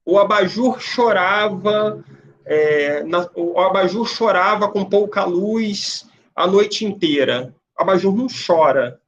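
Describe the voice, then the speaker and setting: A man's voice: a little high, lo-fi sound. A man teaching a remote language class, explaining step by step and checking in with "né?" and "ok?" often. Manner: explanatory, asks "né?" and "ok?" often, with frequent restarts.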